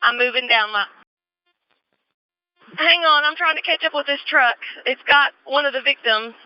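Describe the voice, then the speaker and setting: A woman's voice: high voice, normal speed, no echo. A woman police officer making clipped radio calls with radio codes, heard over a two-way police radio. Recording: muffled dry radio audio.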